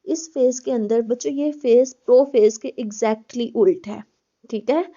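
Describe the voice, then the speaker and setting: A woman's voice: on the high side, a little slow, mellow, dull audio. A woman, a college biology lecturer, explains step by step in a recorded class, repeating words and calling her students children.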